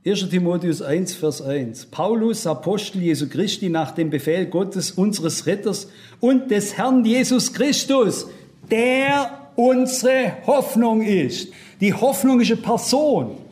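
A man's voice: high-pitched, unhurried, a little mellow. A man preaching a sermon, earnest and emphatic, speaking straight to his listeners.

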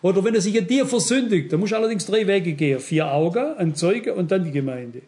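A man's voice: sits high, a little fast. A man preaching a sermon to his congregation, often asking if they understand and acting out quoted dialogue. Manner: addresses congregation directly, asks "versteht ihr?"; acts out quoted dialogue in lively asides. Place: church before a congregation.

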